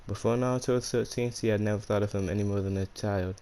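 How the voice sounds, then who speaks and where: A man's voice: fairly low pitch, fairly even intonation, quick pace, mellow, clear, resonant tone. A man with a speech impediment that turns his R's into W's, hosting and narrating fan fiction in a casual, slangy way. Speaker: YouTube storyteller and channel host.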